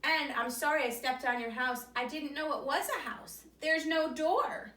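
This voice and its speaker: A woman voicing a timid young male arctic hare in a storybook, with a high, nervous, eager voice. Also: moderate pace, pushed and bright, echoey room, recorded from a distance, a little hiss or hum.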